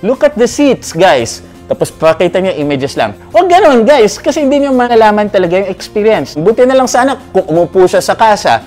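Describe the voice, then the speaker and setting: Blunt high-voiced man ranting. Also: a little mellow. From Philippines. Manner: blunt and profane, switching between Tagalog and English; tags lines with "no?". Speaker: perfume reviewer and host. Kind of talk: casual ranting review.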